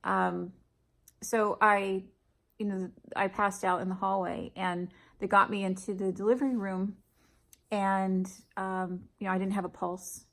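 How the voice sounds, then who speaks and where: A woman telling her own story in a reflective, hesitant way, with frequent pauses and fillers. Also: mid-range voice, flat delivery, creaky. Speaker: storyteller sharing a personal experience. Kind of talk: personal testimony.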